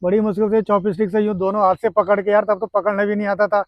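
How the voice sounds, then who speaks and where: A man's voice: sits high, level tone, quick pace, dry recording, dull audio. A man from India telling a casual story to his viewers, chatty and laughing as he talks. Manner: chatty, laughing, addresses friends often. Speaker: vlogger. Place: Japan.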